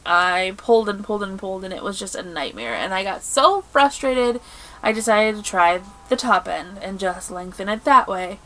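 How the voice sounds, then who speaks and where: A woman's voice: medium pitch, rough recording. Chatty woman on a crafting podcast. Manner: animated, exasperated storytelling with laughs. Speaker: podcast co-host. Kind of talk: casual chat.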